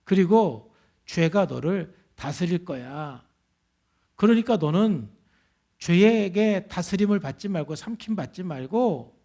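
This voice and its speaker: A patient, fatherly God, as a male preacher puts him on asks probing questions in a slow, earnest way. The voice sits lower than the preacher's usual high tone, with a gravelly edge. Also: a little mellow. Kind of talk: sermon quotation.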